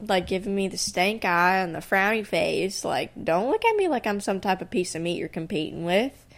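A woman's voice: mid-range voice, lively intonation, moderate pace. A woman in her twenties co-hosting a casual podcast, telling anecdotes bluntly with slang, swearing and acted-out quotes. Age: 20s. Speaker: podcast co-host.

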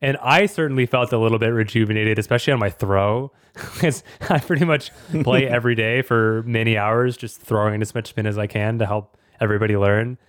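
A man's voice: fairly low pitch, fairly quick, dry recording, studio quality. A man hosting a podcast in a casual, fluent, talkative way. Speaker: podcast host.

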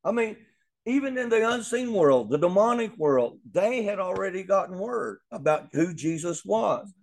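A man's voice: high voice, animated, normal speed, creaky. A man teaching a Bible lesson in an earnest way, often repeating words as he thinks aloud.

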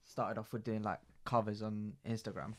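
A man's voice: fairly low pitch, flat delivery, normal speed. A young man, a guest chatting casually in slang and laid-back short phrases. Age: young adult. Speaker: show guest, singer-songwriter. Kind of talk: casual chat with London slang.

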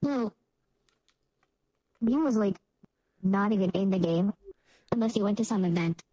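A woman joins a podcast as a guest, speaking in casual chat with a slightly husky voice. She drops dry, short quips at a middle pitch, and the recording is close and dry. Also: a little slow, dark tone, dry recording, low-quality recording.

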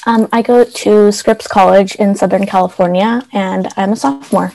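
A woman's voice: medium pitch, normal speed, vocal fry, dark tone, dry recording, poor audio. A young woman from the Bay Area, a guest on a video-call panel, speaking casually in an earnest, slightly hesitant way. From San Francisco Bay Area. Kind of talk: casual chat.

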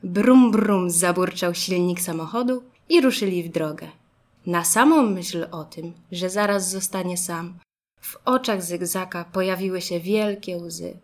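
A woman narrating a children's storybook in an expressive, lively way. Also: on the low side, unhurried.

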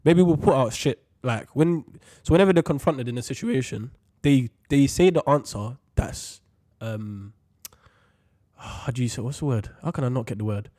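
A man's voice: medium pitch, moderate pace, dark tone, no echo, clean studio sound. A young man with a London roadman accent, chatting casually as a host in an emphatic, slangy, sweary way. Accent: London, urban roadman slang. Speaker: podcast host. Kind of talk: casual banter and opinion chat.

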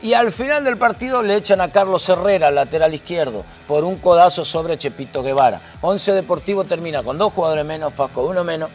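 A man with a Salvadoran accent, a football commentator on a sports talk show, retelling matches play by play with lively sound words. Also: on the high side, brisk, few pauses, faint music behind.

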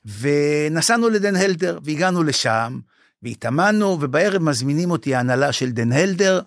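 A man's voice: fairly high pitch, no echo, clean studio sound. An older man, a former basketball club manager, telling stories in an interview, acting out quoted dialogue and getting moved as he goes. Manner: animated storyteller, acts out quoted dialogue; emotional, says he is moved. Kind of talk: storytelling in a podcast interview.

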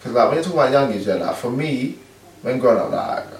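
A man's voice: medium pitch, expressive, quick pace. A young man with a London accent chatting casually, full of street slang and tag questions. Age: young adult. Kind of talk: casual chat. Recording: echoey room, distant from mic.

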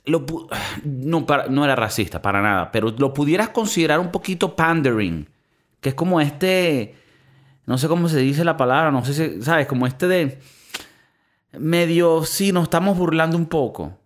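A man's voice: a little high, normal speed. A man with a Venezuelan Spanish accent, co-hosting a podcast in casual, slangy chat full of swearing. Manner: animated, slangy, swears freely. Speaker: podcast co-host.

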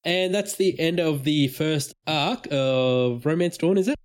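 A man co-hosting a casual podcast, relaxed, moving the talk along and quick to laugh. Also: fairly high pitch. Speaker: podcast co-host. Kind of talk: casual chat.

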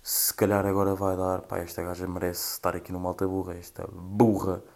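A man's voice: deep voice, flat delivery, fairly quick, creaky, darkish tone. A young man with a European Portuguese accent, hosting a casual commentary and ranting with profanity and mockery. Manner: profane, rambling, mocking. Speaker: host reacting to social media clips.

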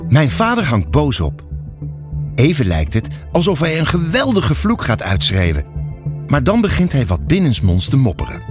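A man narrating a children's audiobook fairy tale in an expressive storytelling manner. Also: medium pitch.

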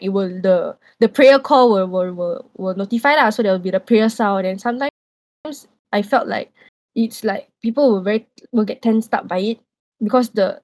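A woman's voice: medium pitch, darkish tone, no room sound. A young woman in her twenties with a Singaporean English accent, telling a story in a loose, rambling way on a casual podcast.

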